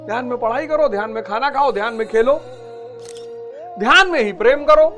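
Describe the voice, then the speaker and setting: A man with a notably high voice gives an emphatic motivational lecture, rallying his listeners and then dropping to a near-murmur. His delivery is preachy and rhetorical. Faint music sits beneath him. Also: a little fast. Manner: emphatic and preachy, swinging between loud exhortation and near-murmur. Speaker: motivational teacher.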